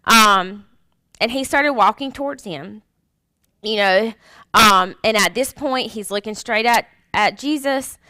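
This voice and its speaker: A woman's voice: on the high side, takes it slowly, sharp tone, dry recording. A woman teaching a Sunday school Bible lesson in a chatty way, with many fillers and restarts.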